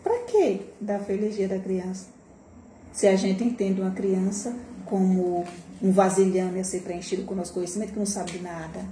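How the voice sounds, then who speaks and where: A Brazilian woman educator hosting a live stream, talking with passion and rhetorical questions, sometimes jumping high to mimic scolding adults. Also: fairly even intonation, normal speed, dark tone. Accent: Brazilian Portuguese. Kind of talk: impassioned live-stream talk. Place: home room, recorded for a social media live. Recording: echoey room with faint background noise.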